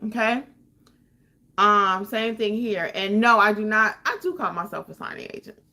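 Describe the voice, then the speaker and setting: A woman's voice: mid-range voice, normal speed, sharp tone. A middle-aged woman hosting a casual livestream, chatting emphatically and colloquially as she answers viewer comments about notary work.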